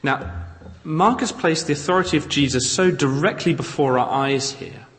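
A man preaching an expository sermon, reading scripture aloud with measured, dramatic emphasis. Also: fairly high pitch, a bit bright. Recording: long reverb of a large hall.

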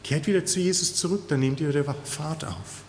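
A man's voice: on the high side, fairly quick, darkish tone, big-room sound, a little hiss or hum. A man preaching a sermon in an earnest, emphatic way, stressing key words.

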